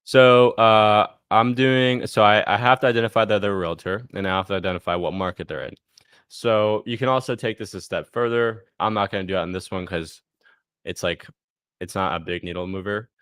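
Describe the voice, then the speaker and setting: A man casually talks through a software demo over a live screen share, thinking out loud as he clicks and marking each step with "boom." He speaks fairly quickly, and the studio-quality recording is clean with no echo.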